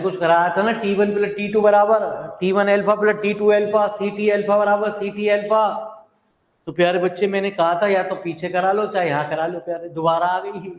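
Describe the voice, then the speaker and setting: A male math teacher giving a classroom lecture, speaking slowly and repeating himself while dictating notes to his students. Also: high-pitched, dull audio. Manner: slow and repetitive, dictating notes, affectionate address to students. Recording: echoey hall.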